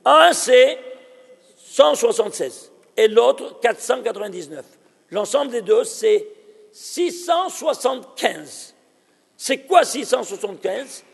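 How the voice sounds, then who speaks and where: Rabbi teaching a class: very high, husky voice, emphatic, keeps quizzing the room. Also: male voice, big pitch swings, takes it slowly, darkish tone, in a large hall. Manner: emphatic, fires rhetorical questions at listeners. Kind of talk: recorded Torah lesson.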